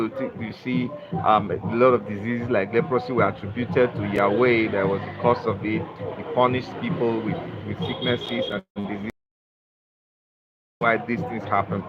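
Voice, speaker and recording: Nigerian-born guy hosting a live stream, lecturing over and over, dull muffled audio, music playing behind. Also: fairly low pitch. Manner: repetitive, filler-heavy lecturing with "you know". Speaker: livestream host. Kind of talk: live-stream talk to viewers.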